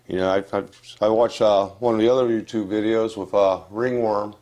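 Sitting in a room furnished with wood, an older channel host from West Virginia rambles through a casual update to camera on a lapel mic. He has a fairly low, slightly mellow voice with fairly even intonation and a moderate pace, captured with a lo-fi sound, and his plain-spoken talk is packed with fillers and false starts.

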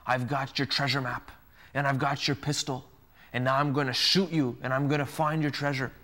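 A priest acting out a greedy, menacing male pirate who growls "arr" and rattles off quick threats while telling a story in a sermon. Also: mid-range voice, little pitch movement, bright, forceful tone, big-room sound, lightly acted. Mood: gloating.

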